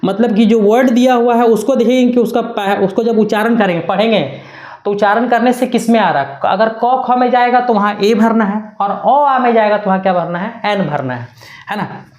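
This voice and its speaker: A woman's voice: a little high, brisk, darkish tone. Echoey woman teaching grammar. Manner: repetitive, keeps checking with "na". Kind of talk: classroom lesson.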